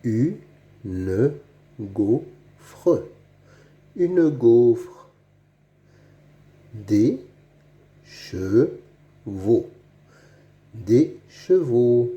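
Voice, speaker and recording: A man's voice: mid-range voice, big pitch swings, very slow, pauses often, dark tone, highs cut off. A man giving a reading lesson for children, saying each word twice and spelling out its sounds letter by letter. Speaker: reading teacher.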